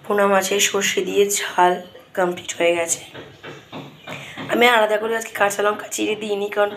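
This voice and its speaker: A hoarse woman, chatting through her day at home as she cooks. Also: medium pitch, flat delivery, fairly quick, fairly bright tone, slight background noise, rough recording. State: hoarse, straining to speak. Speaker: vlogger. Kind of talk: casual daily vlog narration. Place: home kitchen.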